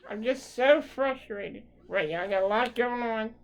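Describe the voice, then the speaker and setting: A woman's voice: a little high, moderate pace, lo-fi sound. A woman hockey fan delivering an angry, profane rant straight to the camera.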